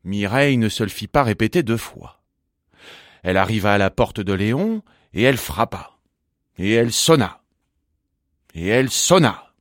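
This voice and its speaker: Male narrator for a children's story: unhurried, singsong and lively in pitch, dry sound. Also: no room sound.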